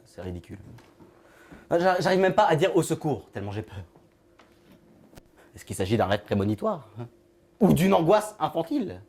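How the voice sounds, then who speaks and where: An actor playing an odd, lonely man with an invisible friend, talking in a halting, rambling way that trails off into murmurs. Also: fairly high pitch, big pitch swings, a little mellow. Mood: musing. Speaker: actor in a short film monologue. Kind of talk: film monologue.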